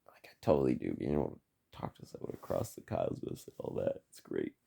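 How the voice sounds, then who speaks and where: Deep, gravelly man rambling. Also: expressive, brisk, mellow. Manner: rambling, profane, keeps saying "man". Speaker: vlogger. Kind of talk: unscripted solo monologue.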